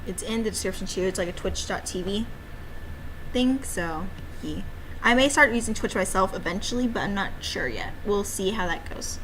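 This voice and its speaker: A woman streamer who develops games as an amateur talks casually and ramblingly, playful and full of cute little exclamations. Her medium-pitched voice is lively, a bit bright, and moderately paced. The rough recording has clear background noise.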